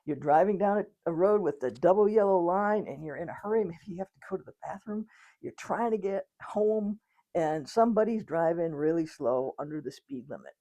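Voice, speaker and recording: Woman doctor, low mellow voice. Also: animated, brisk, lo-fi sound. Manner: conversational, acts out quotes, occasional laughs. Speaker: physician explaining trauma. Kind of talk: informal educational talk.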